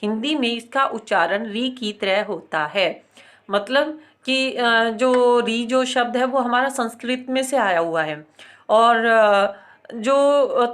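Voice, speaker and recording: A woman teacher giving a grammar lesson, saying each example word twice and pausing often with filler sounds. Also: a little high. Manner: frequent hesitant filler sounds. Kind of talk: recorded grammar lesson for students.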